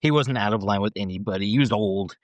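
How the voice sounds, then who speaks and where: A man's voice: lowish voice, fast, no room sound. Chuckling older man telling anecdotes. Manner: chuckling anecdote teller, trailing off into laughs. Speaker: guest cartoonist. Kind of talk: casual storytelling.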